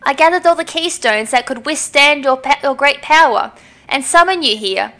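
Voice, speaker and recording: A woman's voice: high voice, expressive, moderate pace, pushed and bright, full character voice. A woman reading the lines of a driven young woman who summons a dragon, in an earnest, dramatic way. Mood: distraught.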